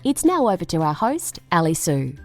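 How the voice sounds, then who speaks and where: A woman announcer reading a scripted show introduction in a lively, promotional way. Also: on the low side, moderate pace, no echo, faint music behind.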